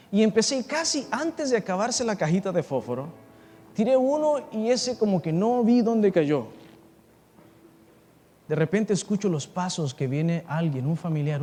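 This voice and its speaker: A man with a high voice delivers an impassioned sermon, telling a personal story and calling out to his listeners. He speaks in a large assembly hall, and the long reverb carries his words over faint music. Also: darkish tone. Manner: impassioned, addresses listeners directly. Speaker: pastor.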